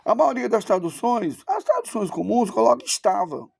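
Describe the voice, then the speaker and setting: A man's voice: sits high, big pitch swings, normal speed, gravelly, a little mellow, husky, no room sound, studio quality. A man giving a Biblical Greek lesson, opinionated and sarcastic, repeating words for emphasis. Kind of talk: recorded online lesson.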